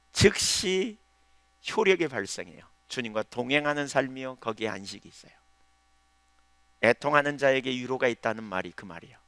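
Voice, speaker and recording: Man, pastor, sermon, gravelly, bright tone, loud then hushed, dry sound, faint mains hum. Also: medium pitch, dry recording. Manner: swings from loud emphatic preaching to hushed pleading prayer.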